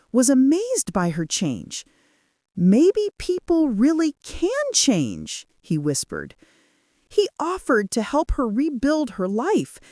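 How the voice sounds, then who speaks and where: A woman narrates a folktale slowly and dramatically, her pitch rising and falling widely. The delivery is scripted storytelling with strong emotion in the words. It is recorded close and dry, with no room sound. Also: darkish tone, no room sound.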